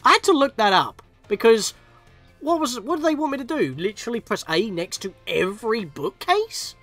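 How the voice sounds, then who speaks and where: A man's voice: very high-pitched, big pitch swings, normal speed, fairly bright tone, soft background music. A man giving chatty, casual commentary on a video game as he plays, reading text aloud and reacting to it. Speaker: let's play streamer.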